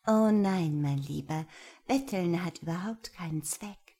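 A woman's voice: on the low side, unhurried, a little mellow, husky. A woman voicing a teasing, dominant woman who whispers close in an erotic story.

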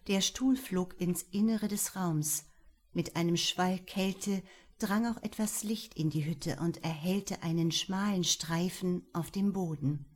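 A woman narrating an audiobook in a calm, measured way. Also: lowish voice.

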